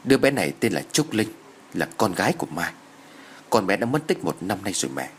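A man's voice: low voice, big pitch swings, a little fast, slight background noise. A man voicing an anxious young man who answers his parents hesitantly.

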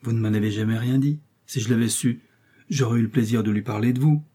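Un homme qui fait parler une jeune femme réservée et douce mais ferme, dans un livre audio. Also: male voice, medium pitch, fairly even intonation, quick pace, mellow, breathy edge, lightly acted. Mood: earnest, reserved. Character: reserved young woman, gentle, quietly firm.

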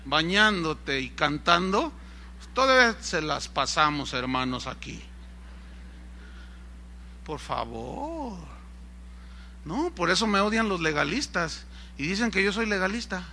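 A man, a pastor preaching a sermon in an animated, ironic way, firing rhetorical questions at his congregation. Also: high voice, normal speed, slight background noise.

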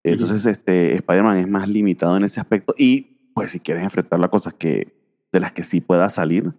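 A man's voice: low-pitched, normal speed, darkish tone, in a large hall. A man co-hosting a casual podcast about comic books, rambling with many fillers. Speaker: podcast co-host.

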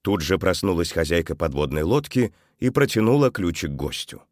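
Deep-voiced male audiobook narrator. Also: very animated, moderate pace, no room sound, studio quality.

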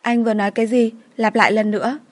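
A woman's voice: fairly high pitch, level tone, fast, a little mellow, pitched above the performer's own voice, natural voice. Woman voicing a trembling tearful young woman. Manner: trembling, pleading. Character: tearful young woman, fearful but hopeful.

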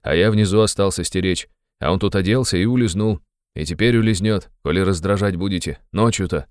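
A man playing a loud, drunken, excitable young friend. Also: sits low, brisk, smooth, no echo, studio quality, close to an everyday voice. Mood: urgent, hushed. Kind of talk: audiobook character voice.

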